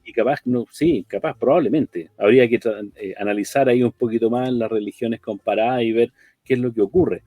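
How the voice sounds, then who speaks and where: A man's voice: mid-range voice, brisk, warm tone, dry recording, studio quality. A man co-hosting a talk program, speaking reflectively and often ending phrases with a questioning tag. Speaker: radio program co-host.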